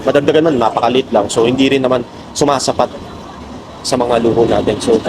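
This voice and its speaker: A man's voice: mid-range voice, fairly even intonation, a little fast. A man with a Filipino accent, chatting casually to viewers while walking through a city at night. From Philippines. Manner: chatty, mixes Tagalog and English, addresses viewers as guys. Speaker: travel vlogger. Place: city street at night, outdoors. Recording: noisy outdoor street recording. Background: street and traffic noise.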